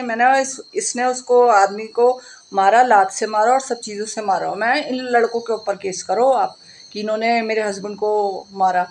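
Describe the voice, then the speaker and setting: A woman vlogger telling a personal story in a casual, animated way, acting out the voices of the people she quotes and swearing now and then. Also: on the high side, slight background noise.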